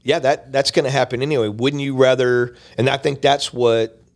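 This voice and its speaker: A man in his fifties co-hosting a church podcast, talking in an earnest, rambling way full of asides, close on a boom mic in a small studio. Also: fairly even intonation, normal speed, vocal fry. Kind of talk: casual chat. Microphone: boom mic close to mouth.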